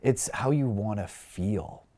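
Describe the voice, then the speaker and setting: Earnest male guest, deep dark voice, heartfelt and rambling. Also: takes it slowly. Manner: earnest, heartfelt, filler-heavy with "like" and "you know". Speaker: podcast guest, career coach. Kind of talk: reflective casual conversation.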